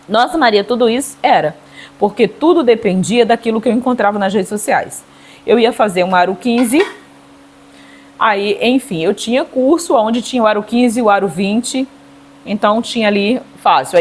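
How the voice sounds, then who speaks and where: A middle-aged Brazilian woman giving a casual cake decorating tutorial, chatty, checking in with her viewers with little tag questions. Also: medium pitch.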